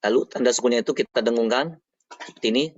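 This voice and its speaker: A man explains recitation rules in a patient teaching voice, going over each point again and again. His pitch sits in a steady middle range. The recording is dull and lo-fi, with a dry, close sound. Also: quick pace, dry recording. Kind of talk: explanatory lesson.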